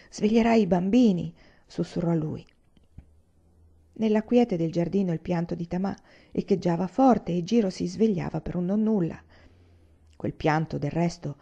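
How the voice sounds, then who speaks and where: A woman reading a literary novel aloud in a measured, even storytelling voice. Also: medium pitch, gravelly. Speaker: audiobook reader. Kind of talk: literary narration read aloud. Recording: slightly dull lo-fi recording.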